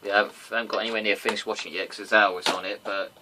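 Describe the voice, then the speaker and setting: Racing along in a flat, fairly low voice, this man hosts a casual wrestling review show. The noisy home recording catches him chatting, rambling, and slipping into goofy sung impressions.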